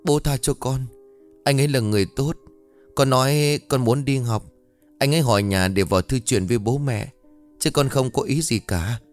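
A man's voice: medium pitch, lively intonation, a little slow, hardly any pauses, darkish tone, soft background music, voice pushed up, close to an everyday voice. A man voicing a frightened young orphan boy who stammers and pleads. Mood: pleading.

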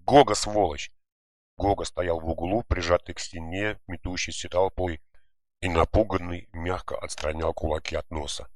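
A man narrating an audiobook in a measured, expressive way. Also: deep voice, no echo, clean studio sound. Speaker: audiobook reader.

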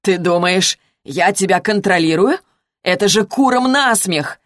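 Menacing, possessive husband in an audiobook, voiced by a woman, lowish voice, dry studio. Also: measured pace, dry recording. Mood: raving. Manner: cold, then shouting and raving. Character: controlling, menacing adult husband. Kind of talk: audiobook reading.

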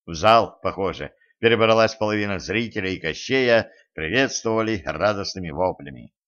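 An audiobook reader with a fairly low male voice, narrating in a steady, even way. The recording sounds dull and lo-fi, with the top end cut away. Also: moderate pace. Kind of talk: scripted narration.

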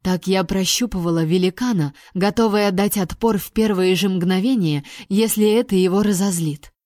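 A woman reading a first-person fantasy audiobook with lively, expressive storytelling. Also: mid-range voice, moderate pace, no echo, studio quality. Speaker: audiobook reader.

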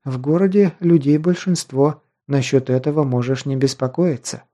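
A man reading an audiobook, voicing a proud but sheltered young noble girl in a raised, softened voice. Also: medium pitch, fairly even intonation, moderate pace, natural voice.

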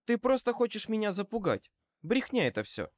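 A man's voice: sits high, big pitch swings, normal speed, no room sound, studio quality, pitched above the performer's own voice. A man reading an audiobook and voicing a brassy, defiant female crook who snaps back with sneering retorts. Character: middle-aged female small-time crook, brassy and defiant.

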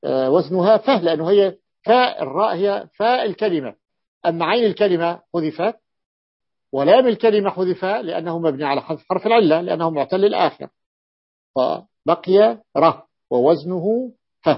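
A man's voice: sits high, lively intonation, a little fast, gravelly, muffled recording. A man teaching Arabic morphology, explaining a classical text, repeating key forms and calling on a student to read on. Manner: repeats key forms and invites the reader to continue.

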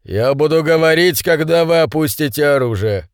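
A man reading an audiobook, voicing a composed army colonel who speaks quietly and firmly. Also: on the high side, expressive, normal speed, clear, resonant tone, dry recording, clean studio sound. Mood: calm. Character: calm steady male army colonel.

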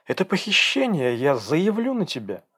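A man voicing a furious, defiant young pregnant woman who shouts and pleads in a raised voice. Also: a little high, very animated, moderate pace, voice pushed up.

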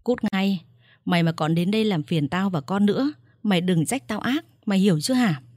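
A woman's voice: medium pitch, expressive, fairly quick, a little mellow, dry recording, studio quality, close to an everyday voice. A woman voicing a cold, cruel young man who threatens and throws out his ex-lover. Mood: threatening. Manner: harsh, threatening, dismissive.

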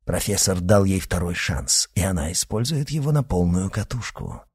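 Тень, a man voicing a cold, quiet menacing henchman. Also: deep voice, expressive, moderate pace, slightly rough, heavily acted. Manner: cold, curt, mocking.

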